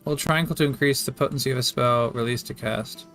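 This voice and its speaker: A man's voice: steady tone, a little fast, a bit bright. Male gamer, mid-range voice, unfussy thinking-aloud commentary, faint music bed. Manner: low-key, thinking aloud. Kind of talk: casual game commentary, reading menus aloud. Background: game music with plucked guitar.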